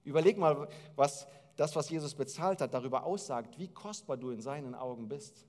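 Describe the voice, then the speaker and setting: Gesturing pastor preaching in a hall. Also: male voice, medium pitch, moderate pace. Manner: lively, gesturing storyteller. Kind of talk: sermon. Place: church stage hall. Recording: long hall reverb.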